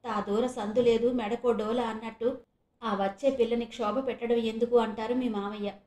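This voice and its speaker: Sorrowful middle-aged mother, read by a woman, lamenting, high voice, echoey room. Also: fairly even intonation, moderate pace, a little mellow, natural voice.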